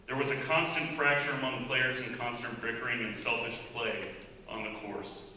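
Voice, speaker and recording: A man's voice: mid-range voice, steady tone, moderate pace, pushed and bright. Golf coach guy giving a speech, kinda choked up, long hall reverb. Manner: heartfelt, near tears at times. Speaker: high school golf coach. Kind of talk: ceremony speech. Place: school hall. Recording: echoey hall, voice from far off, faint noise.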